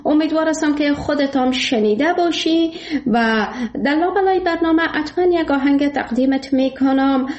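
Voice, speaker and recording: A woman's voice: high-pitched, darkish tone, lo-fi sound. A woman with an Afghan Dari accent hosting a radio call-in show, courteous and full of praise for her callers. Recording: echoey studio sound.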